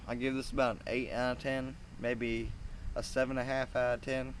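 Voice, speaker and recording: A young man giving a casual, rambling review in a halting, informal way, talking with chewing tobacco packed in his lip. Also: mid-range voice, little pitch movement, slight background noise. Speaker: amateur product reviewer.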